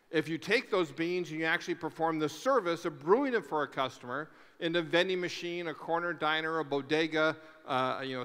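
Middle-aged man, keynote speaker, fairly high voice, headset mic, long hall reverb. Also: a bit bright. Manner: emphatic, repetitive rhetorical lists, audience questions. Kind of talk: conference keynote speech. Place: large conference hall stage.

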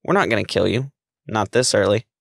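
A man's voice: on the low side, brisk, gravelly, a bit bright, dry recording, studio quality. A man voicing a menacing female kidnapper who talks in a soothing yet sarcastic way. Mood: falsely soothing.

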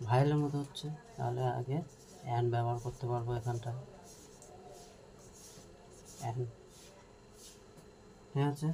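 A teacher giving a step-by-step grammar lesson, spelling words out letter by letter and pausing to ask if the class follows. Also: mid-range voice, steady tone, warm tone, rough recording. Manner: explains step by step, spells words letter by letter, asks checking questions.

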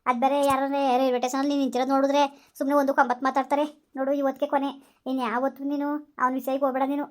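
A woman's voice: high-pitched, flat delivery, very fast, pitched below the performer's own voice, close to an everyday voice. A woman voicing a bossy female friend who lectures. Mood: firm comforting. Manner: lecturing, scolding. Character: bossy female friend giving stern advice.

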